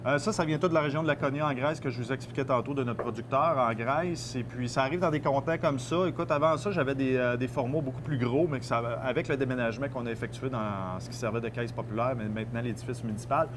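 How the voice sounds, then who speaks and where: A Québécois man in his thirties, who runs a small business, talks about his work eagerly in a casual interview, packing his speech with fillers. His mid-range voice stays steady as he talks fast with few pauses, over a noisy background.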